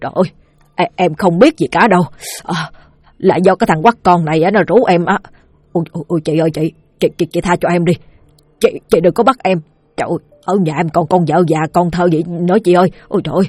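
A woman's voice: on the low side, fast, a little mellow, slightly rough, no room sound, faint music behind. A woman voicing a cowardly, bragging older village man who stammers and pleads. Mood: pleading.

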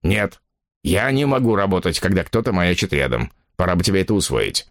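A man's voice: deep voice, lively intonation, a little fast, no room sound, clean studio sound. Man reading a curt, impatient man. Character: irritable, cold lying writer, a grown man.

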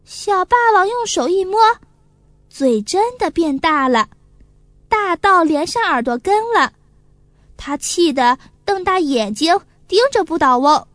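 Woman narrator for a kids' storybook, very high voice, slow and expressive, dry close sound. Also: dry recording. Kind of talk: children's story reading.

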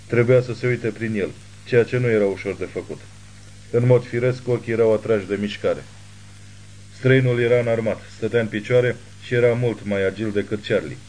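Male narrator, audiobook, steady measured reading, low pitch, warm dark tone. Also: poor audio. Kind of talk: scripted narration.

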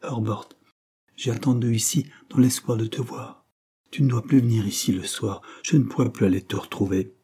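A man's voice: medium pitch, steady tone, normal speed, husky, close to an everyday voice. Man voicing Anna, a timid young girl. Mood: pleading. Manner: soft, pleading.

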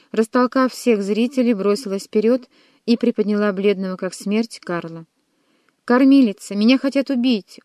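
A woman narrates a classic historical adventure novel with dramatic, expressive delivery. Her voice sits at an ordinary middle pitch. The recording is dry and close, with no room echo. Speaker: audiobook narrator.

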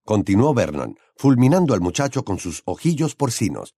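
A man narrating an audiobook in an expressive storytelling style. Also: mid-range voice, normal speed, husky, dry recording, clean studio sound.

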